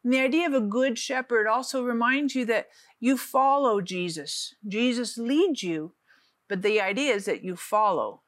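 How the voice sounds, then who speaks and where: A woman's voice: a little high, no room sound. Earnest woman preaching, dry studio sound. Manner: earnest, slows down on key phrases, repeats for emphasis. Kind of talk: encouraging televangelist teaching.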